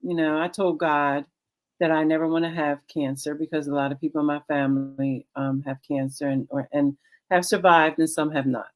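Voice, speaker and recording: A woman in her late sixties with a notably low, deep voice speaks on a video call. She tells her story unhurriedly, halting often with ums and restarts. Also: level tone. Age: 60s. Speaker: guest, author and cancer survivor. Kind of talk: casual chat, personal testimony.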